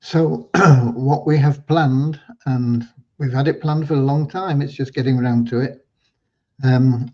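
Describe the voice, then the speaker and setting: An older man hosting a livestream Q&A with a prayer, talking at an unhurried pace with frequent ums and restarts. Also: medium pitch, warm tone. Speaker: host of a community livestream. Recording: dull lo-fi livestream audio.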